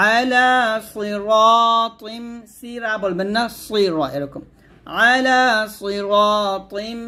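A man teaching Quran reading, who chants verses slowly and then gives brisk spoken corrections. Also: high-pitched. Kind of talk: Quran recitation lesson.

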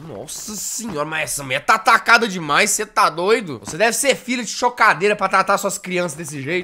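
A man from Brazil giving jokey, excitable let's play commentary and chatting to his audience. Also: sits high. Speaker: gaming YouTuber.

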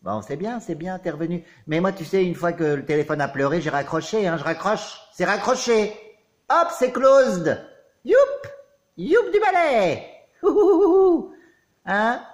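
A man playing a theatrical, touchy character who fusses over a returning friend, swinging from squeals to low mutters. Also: sing-song, measured pace. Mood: sulky. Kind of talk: comedy monologue.

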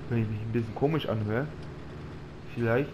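A gaming channel host with a slight cold and a middling-pitched voice plays a farming game, thinking aloud in loose, rambling let's-play commentary. A steady hum of background noise is audible throughout the recording.

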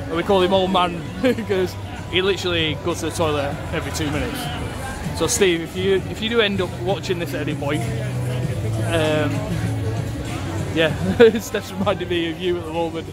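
Male vlogger, faded Yorkshire accent, tipsy and chatty, slightly high voice, loud music and crowd around him. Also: steady tone, moderate pace. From Yorkshire, England. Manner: chatty, rambling, laughs often. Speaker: travel vlogger. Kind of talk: casual walk-and-talk vlog. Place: busy outdoor pedestrian street at night. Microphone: handheld phone.

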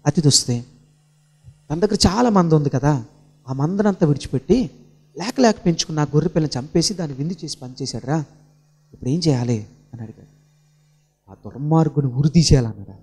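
A male preacher telling a story dramatically, asking the congregation questions and answering them himself, his voice climbing high and loud in intense stretches. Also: expressive, brisk, long pauses, breathy edge. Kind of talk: sermon. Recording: long hall reverb.

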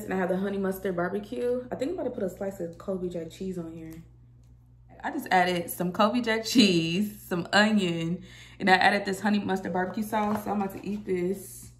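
A faint hiss or hum accompanies this young woman's mid-range voice as she chats casually to her vlog viewers, calling them y'all. She's indoors in her apartment kitchen and living room, recording on a phone held at arm's length.

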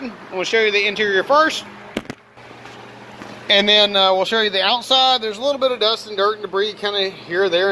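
Male auto detailer, high-pitched, casual walkaround narration, voice raised over steady fan noise in a garage workshop. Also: poor audio. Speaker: auto detailer presenting own work. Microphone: handheld phone camera, operator behind it. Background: running fan.

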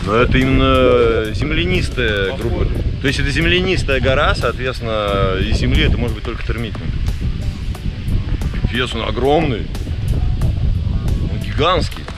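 A vlogger strolls around an outdoor jungle building site, chatting with enthusiasm and plenty of fillers in a casual walk-and-talk. His medium-pitched voice is lively and normal in speed, though loud music plays over it.

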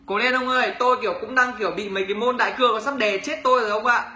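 Bright-voiced young man with a northern accent. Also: very high-pitched, racing, roomy sound, a little hiss or hum. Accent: Northern Vietnamese. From Bac Ninh, northern Vietnam. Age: young adult. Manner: chatty, teasing, reads comments aloud and greets viewers. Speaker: YouTuber answering viewer questions. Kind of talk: casual livestream Q&A.

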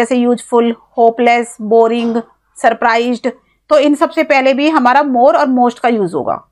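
Indian woman teaching grammar, step by step. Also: fairly high pitch. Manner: explains step by step, spelling words out letter by letter; asks questions to the viewer, then answers them herself. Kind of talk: classroom-style grammar lesson.

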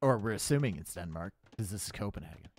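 Talking fast in a lowish voice, this Canadian esports caster jokes and banters with chat during live match commentary. His humor is dry and sarcastic, and tense moments bring loud, excited shouting.

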